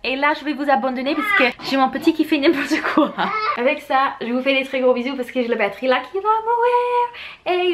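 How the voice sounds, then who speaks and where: A woman's voice: sits high, slight background noise. A woman in her thirties from France, chatting candidly at home as she answers viewer questions, laughing often. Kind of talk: casual chat. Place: home room.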